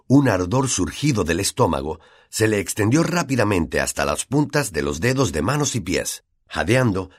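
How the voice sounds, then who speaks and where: Lively Latin American male narrator. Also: deep voice, slightly rough, no echo, clean studio sound. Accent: Latin American Spanish. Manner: expressive storytelling. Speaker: audiobook narrator. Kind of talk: scripted narration.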